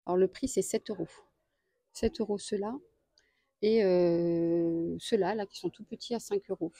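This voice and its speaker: A woman, a deal-hunting vlogger, walks through a store aisle and lists prices and sizes. She speaks in a chatty way and pauses often. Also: lowish voice, steady tone, warm tone, no room sound. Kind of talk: casual store walkthrough. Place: home improvement store aisle.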